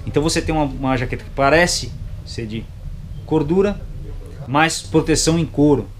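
In a motorcycle gear shop, a young adult man with a Brazilian accent reviews a product casually, full of slang and brief, clipped phrasing. His voice is on the high side and his pace moderate. The noise of the shop is plainly heard in the background.

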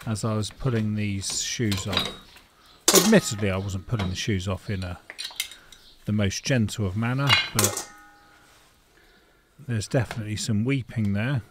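A man's voice: on the low side, moderate pace. A middle-aged man, talking casually and frankly as he works on a car in an indoor garage, thinking aloud with fillers. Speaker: home mechanic. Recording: faint noise and tool clicks.

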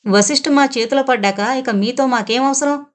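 A woman voicing an alien caller who speaks calmly and gravely, reasoning with a distraught mother. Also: high-pitched, moderate pace, lightly acted. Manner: calm and grave, pleading reasonably.

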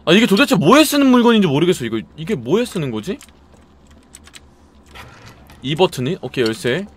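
A man's voice: sits high, big pitch swings, fairly quick, breathy edge. A man giving live commentary as he plays a horror game, jumpy, exclaiming and muttering to himself.

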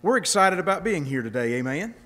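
A man's voice: on the high side, sing-song, brisk, fairly bright tone, long reverb tail. A male pastor casually giving church announcements from the pulpit, with frequent "uh" fillers.

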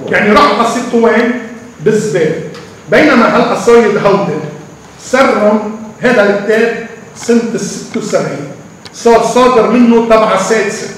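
An older man speaks, in a fairly high voice for a man. He answers as a poet in an emphatic storytelling way. The sound is recorded from far off in a big echoing hall. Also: brisk. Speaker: poet being interviewed. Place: large echoey hall. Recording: echoey hall from far off, faint noise.

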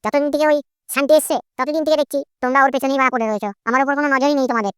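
A woman's voice: high voice, very fast, a bit bright, dry recording, studio quality. A woman voicing a sulky, bratty grown son in a cartoon, whining and complaining about his family. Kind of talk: comic Bengali cartoon voice acting.

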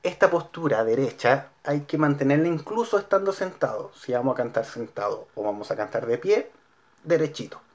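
Calm Chilean man teaching singing. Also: medium pitch, normal speed. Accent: Chilean Spanish. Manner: calm, clear instructional delivery with demonstrated vowels. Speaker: school music teacher. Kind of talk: recorded singing lesson for students.

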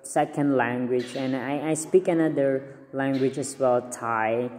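With a mid-range, mellow voice and a Cambodian accent, this young vlogger speaks slowly and earnestly, frequently repeating himself and starting over. Though he's in a small indoor room recording on an arm's-length phone, the sound is that of a large hall; Khmer is his first language and he's sharing language tips casually.

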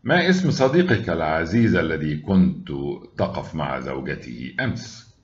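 A man voicing a sharp, suspicious young wife who probes and scolds, in a storytelling read-aloud. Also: a bass voice, sing-song, moderate pace, dull audio. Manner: probing, scolding.

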